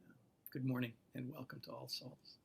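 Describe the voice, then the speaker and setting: An older man, a pastor, giving a sermon in an unhurried, thoughtful storytelling manner. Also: medium pitch, level tone, creaky, a little hiss or hum.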